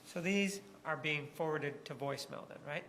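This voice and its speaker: In a large, echoing indoor courtroom with faint background noise, a lawyer cross-examines a witness in a mid-range, slightly bright voice at normal speed. The questions are pointed and leading, often ending in a short tag that demands agreement.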